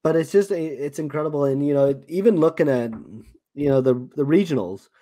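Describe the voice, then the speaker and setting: South African man, halting sports chat. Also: on the high side, mellow. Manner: halting, many fillers and restarts. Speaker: podcast co-host.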